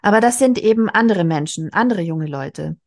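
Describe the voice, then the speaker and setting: A woman's voice: mid-range voice, expressive, normal speed, creaky. A woman reading aloud as a worried middle-aged mother speaking earnestly and dryly to her daughter. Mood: pleading. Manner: earnest, dry.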